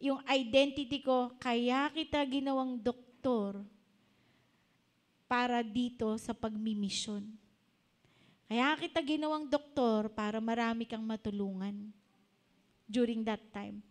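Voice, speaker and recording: A woman's voice: on the high side, steady tone, a little slow, pauses often. A woman in her fifties giving an earnest, personal testimony sermon in a church, switching into English now and then. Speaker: preacher.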